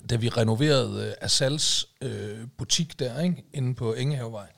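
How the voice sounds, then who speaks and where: Gravelly man telling rambling stories. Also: mid-range voice, fairly bright tone. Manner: rambling storyteller, many fillers and "du ved, ikke?". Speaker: podcast co-host. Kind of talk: casual chat.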